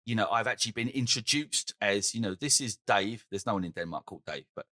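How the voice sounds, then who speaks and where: A middle-aged man from England chats casually as a podcast co-host. His voice is bright and forward, and he talks in an animated way. The sound is dry and close. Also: on the low side, fast talker, dry recording. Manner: animated, swears and laughs easily. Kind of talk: casual chat.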